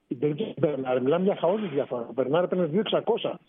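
A man, a sports reporter phoning in to a radio show, explaining in an animated way. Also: a little high, crowd noise. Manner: explanatory, animated, rising emphasis. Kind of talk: sports radio phone-in analysis. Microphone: phone. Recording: tinny phone line on radio.

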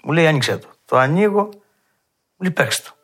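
A man's voice: on the high side, slightly rough, faint music behind. Cretan man telling mandolin stories. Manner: lively storyteller who acts out past dialogue. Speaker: mandolin player. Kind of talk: reminiscing storytelling.

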